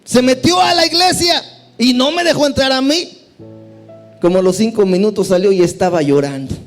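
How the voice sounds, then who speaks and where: Male evangelist, very high voice, fervent sermon delivery with sudden loud peaks, faint music underneath. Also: moderate pace. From California. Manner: impassioned, swings from loud cries to low intense asides. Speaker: evangelist preacher. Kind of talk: sermon testimony.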